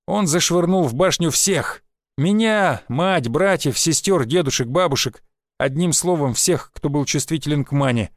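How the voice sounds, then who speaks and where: A man's voice: mid-range voice, no room sound, clean studio sound, close to an everyday voice. A man voicing a blunt, coarse veteran hunter and mentor with a short temper. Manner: blunt, coarse, quick to anger.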